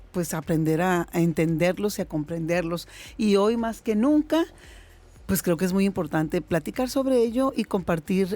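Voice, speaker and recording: A woman's voice: on the low side, mellow. A woman, hosting an interview in a casual conversational way, with many fillers and restarts. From Mexico. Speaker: host.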